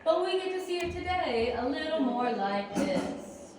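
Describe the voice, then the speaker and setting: A woman's voice: high-pitched, expressive, measured pace, a little mellow, a little hiss or hum. An American woman working as a tour guide, narrating to a group and putting questions to them, her voice echoing in a cave. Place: inside a cave on a vehicle tour. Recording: echoing cave, distant voice, people around.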